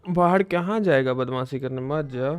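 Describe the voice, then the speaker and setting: A man's voice: medium pitch, moderate pace, clean tone, no room sound, faint music behind. A man, a game streamer at home, coaxing his cat in doting baby talk between casual chat. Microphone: desk microphone.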